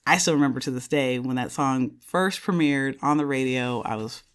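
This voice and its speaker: A woman's voice: extremely low pitch, normal speed, clean tone. A woman in her thirties, a podcast host sitting in as the guest, chatting casually and rambling, correcting herself and laughing often.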